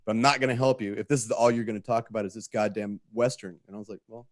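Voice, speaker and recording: Talking to a group in a relaxed but sincere manner, the writer and filmmaker swears liberally and keeps retracing his phrases. He has a lowish voice, moves quickly, and keeps his intonation fairly even, all in a dry recording.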